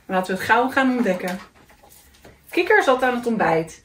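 A woman's voice: a little high, sing-song, normal speed, fairly bright tone, reverberant, recorded from a distance, slight background noise. A woman reading a children's picture book aloud, telling the story expressively and voicing the characters.

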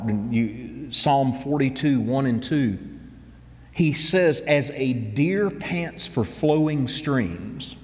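Heard in a large hall, a pastor in his fifties preaches from a church stage with a mid-range, darkish voice. His manner is earnest and conversational, with phrases he repeats.

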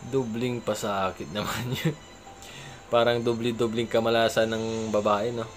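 A man's voice: fairly low pitch, bright, forceful tone. A man in casual advice chat, talking conversationally and often asking his listeners for agreement. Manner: chuckles between remarks. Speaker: vlogger giving advice.

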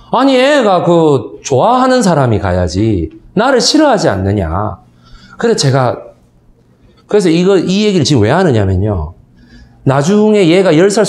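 A man in his thirties giving a history lecture to seniors. He tells stories and keeps asking the audience for agreement. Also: a little high. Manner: animated storytelling, asks the audience for agreement. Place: lecture hall. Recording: echoey hall.

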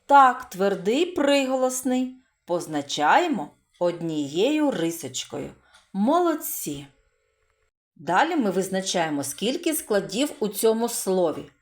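A woman leads a preschool literacy lesson, sounding out letters and syllables for the children to repeat. She talks slowly, with a very lively, bouncing melody, and keeps praising the kids in an encouraging tone. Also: medium pitch. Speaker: preschool teacher.

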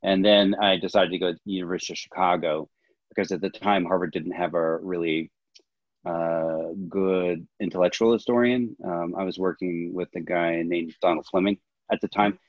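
Deep-voiced man on a dull video call. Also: steady tone, moderate pace, no room sound. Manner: reflective, long flowing answers. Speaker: film director and history professor. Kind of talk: interview answers over video call. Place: small home room indoors. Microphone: laptop webcam on video call.

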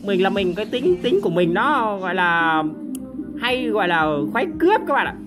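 A woman with a hoarse, worn voice chats her way through a mobile game match. Her pitch sits in an ordinary middle range, and she keeps bursting into loud exclamations and repeated short cries. Game music plays clearly underneath. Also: very animated, moderate pace. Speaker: game commentator. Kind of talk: casual mobile game commentary.

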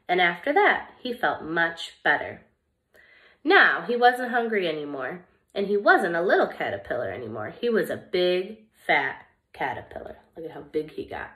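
This young woman, a teacher of small children, reads aloud from a picture book with a fairly low voice, shaping each line expressively and carefully for her little audience.

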